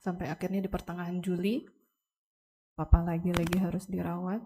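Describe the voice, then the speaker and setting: Husky young woman giving a testimony. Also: fairly low pitch, little pitch movement, mellow. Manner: earnest, halting, addresses listeners as Bapak Ibu. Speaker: family member giving a testimony at a memorial service. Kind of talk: emotional spoken testimony to a congregation.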